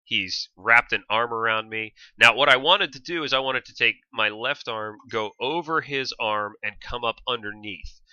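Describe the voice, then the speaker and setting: A man giving casual explanatory video commentary on his own fencing footage, halting and thinking aloud step by step. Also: medium pitch, bright, forceful tone, clean tone, no echo. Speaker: fencer reviewing own sparring footage. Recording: slightly dull, lo-fi, dry sound.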